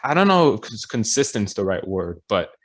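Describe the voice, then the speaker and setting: A man's voice: fairly low pitch, big pitch swings, normal speed. A young man co-hosting a podcast in casual chat, hesitant and full of fillers as he works through his points. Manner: hesitant, lots of fillers and restarts. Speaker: podcast co-host.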